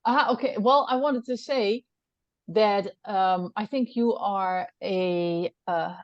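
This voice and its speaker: Slow, careful woman co-host. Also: medium pitch, dry recording. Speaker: podcast co-host. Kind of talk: casual chat. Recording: dry, dull lo-fi audio.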